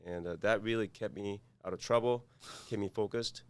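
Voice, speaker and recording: A man from South Korea with a Korean accent, a podcast guest speaking haltingly with many fillers and restarts. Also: on the low side, steady tone, clean tone. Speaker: guest, cybersecurity firm founder. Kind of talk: podcast interview.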